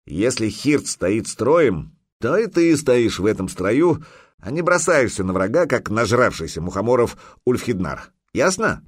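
A man's voice: mid-range voice, big pitch swings, a little slow, husky, no room sound, studio quality. A man voicing a shrewd, stern veteran warrior who lectures a young recruit.

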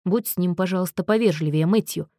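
A woman voicing a gentle, earnest young man who speaks in a soft, measured, reproachful way. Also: on the low side, dry recording, studio quality, lightly acted. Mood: firm, reproachful.

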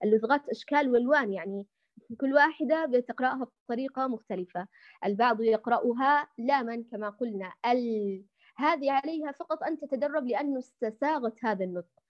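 Woman, recitation teacher, patient, slightly high voice, lo-fi dull audio. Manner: patient, demonstrating sounds slowly; addresses listeners fondly as dears. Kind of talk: recorded online lesson.

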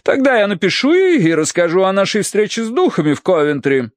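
A man's voice: wildly swooping pitch, brisk, no room sound. A man voicing a flustered, hysterical middle-aged Victorian lady who frets and scolds melodramatically. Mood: fussy. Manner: shrill, fussy, melodramatic.

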